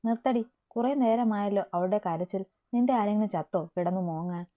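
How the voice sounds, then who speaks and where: A woman's voice: medium pitch, brisk, warm tone, close to an everyday voice. Woman reading as a blunt, fiery young woman. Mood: annoyed. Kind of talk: audio story reading.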